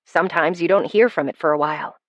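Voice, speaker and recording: A woman's voice: sits low, fast talker, dry recording, dull audio. A woman narrating a first-person romance audiobook in a wry, conversational storytelling manner.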